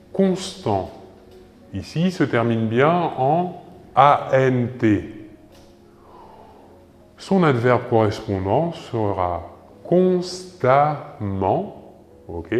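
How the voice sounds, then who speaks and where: A man teaching a French grammar lesson slowly, spelling words out letter by letter and checking in with "ok". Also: mid-range voice. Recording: echoey room with long reverb.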